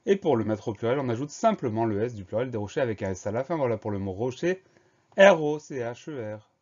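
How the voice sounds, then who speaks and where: A man's voice: medium pitch, lively intonation, quick pace, a little mellow, highs cut off. A man teaching a spelling lesson, explaining each word patiently and spelling it out letter by letter.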